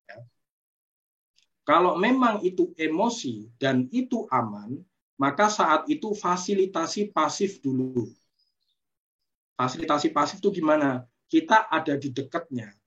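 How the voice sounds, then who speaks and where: A man with a slightly high voice speaks in a patient, explanatory way. He is giving a parenting webinar over a video call. His audio sounds a little dull and lo-fi. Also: fairly bright tone. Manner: patient, explanatory, frequent "gitu ya" tags. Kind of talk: webinar talk.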